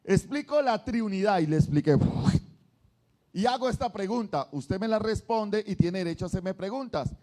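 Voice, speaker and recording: A man's voice: sits high, moderate pace. A male pastor preaching a sermon, telling stories with energy and firing questions at the congregation. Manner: animated storytelling preacher quizzing the congregation.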